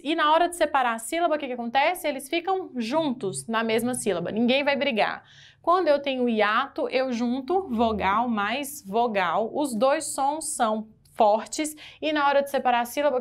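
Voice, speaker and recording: Brazilian woman teacher, somewhat high voice, lively exam-prep lesson that keeps quizzing the class. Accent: Brazilian Portuguese. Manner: lively, asks the class questions. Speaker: Portuguese-language teacher.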